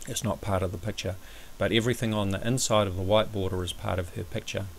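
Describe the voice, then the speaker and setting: A man giving a measured, somewhat hesitant step-by-step explanatory commentary over a screen recording, as an amateur astronomy presenter. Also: lowish voice, fairly even intonation, creaky, a little hiss or hum.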